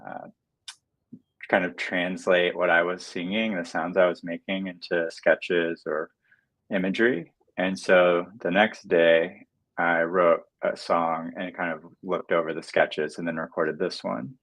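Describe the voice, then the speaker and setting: Very deep voiced guy, musician guest on a video call, soft-spoken, lots of ums. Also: flat delivery, measured pace, poor audio. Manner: soft-spoken, hesitant with many fillers. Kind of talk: livestream interview.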